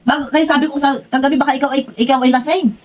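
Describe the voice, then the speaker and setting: A woman's voice: high-pitched, fairly even intonation, racing, a little mellow, poor audio. A woman ranting in a reaction vlog, exasperated and scolding, firing off one rhetorical question after another. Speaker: vlogger.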